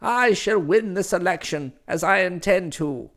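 A man's voice: high voice, measured pace, a bit bright. A man voicing a stern, imperious older woman with a haughty, scolding manner, in a storybook reading.

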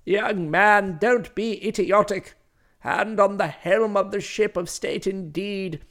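A man's voice: high-pitched, slow, fairly bright tone, exaggerated voice. A man voicing a stern, imperious older woman with a haughty, scolding manner, in a storybook reading.

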